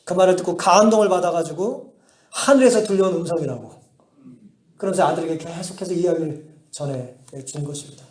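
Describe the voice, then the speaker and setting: A man's voice: sits high, fairly quick. A male pastor preaching a sermon in a church, asking the congregation rhetorical questions and answering them, telling his stories with emphasis. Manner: emphatic storytelling. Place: church sanctuary. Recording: echoey church hall.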